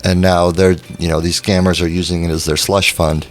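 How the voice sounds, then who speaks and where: A man's voice: sits low, flat delivery, brisk, faint music behind. A man hosting a casual chat stream, talking conversationally with frequent fillers. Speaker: stream host.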